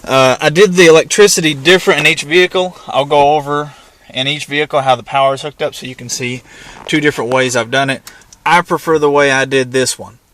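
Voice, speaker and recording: A man with a fairly bright, higher-pitched, steady voice talks a little fast as he walks through a casual, plain-spoken, step-by-step tutorial. He is a hobbyist showing how to install a radio in a vehicle, working in and around a parked pickup truck.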